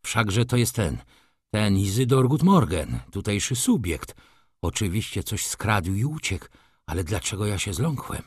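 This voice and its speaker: A man voicing an aging, proud and irritable male shop manager who mutters low and flares up in anger. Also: very animated, measured pace, slightly rough, no room sound, clean studio sound, full character voice. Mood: muttering. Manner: muttering low, then bursting out angrily.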